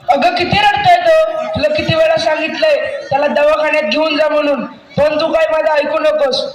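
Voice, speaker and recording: A man's voice: extremely high pitch, fairly even intonation, moderate pace. A performer playing a stern village husband who scolds his wife. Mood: scolding. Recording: echoey room, distant mic.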